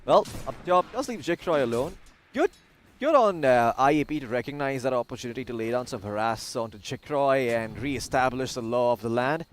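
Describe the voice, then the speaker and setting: A man's voice: mid-range voice, lively intonation, fairly quick. A man casting a live esports match, chatty and jokey, with self-deprecating asides. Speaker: esports caster. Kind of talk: live game commentary.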